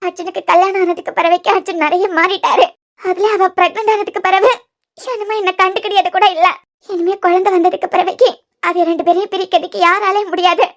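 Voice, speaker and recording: Cartoon lead: woman doing an obsessive, vengeful young woman, Kanyakumari Tamil accent, tearful, pleading, very high and thin. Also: fairly even intonation, brisk. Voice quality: very high-pitched. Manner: pleading, self-pitying. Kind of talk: cartoon serial voice acting.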